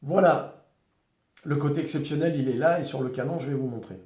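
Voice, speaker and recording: A French-accented man talks through a collector's revolver in a relaxed, stop-and-start way, filling pauses and restarting phrases. His voice is mellow and dark. It is recorded in a room with clear echo. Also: on the high side. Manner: hesitant, many fillers and restarts. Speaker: firearms collector presenting a revolver. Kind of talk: casual video presentation.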